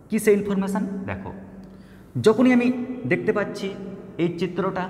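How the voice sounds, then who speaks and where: Lively high-voiced math tutor. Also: male voice, roomy sound, long reverb tail. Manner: asks frequent check-in questions, repeats words for emphasis. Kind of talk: classroom lecture.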